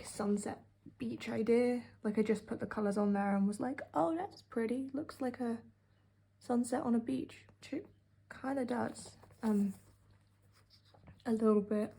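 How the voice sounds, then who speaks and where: A young British woman with a mellow, warm voice talks through her sketchbook in a rambling, offhand way. Her sarcastic asides come between plenty of fillers. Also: a little high, slightly rough. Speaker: art vlogger. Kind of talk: casual sketchbook tour narration.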